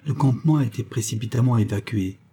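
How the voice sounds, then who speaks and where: A man voicing an eager young man in an adventure audiobook, speaking quietly and earnestly. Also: medium pitch, fast, husky.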